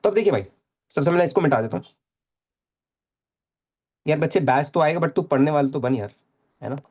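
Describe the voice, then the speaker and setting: Chatty Indian physics teacher. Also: male voice, a little high, animated, a little fast, darkish tone. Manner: casual, chatty, repeats phrases, coaxes students. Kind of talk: live online lecture.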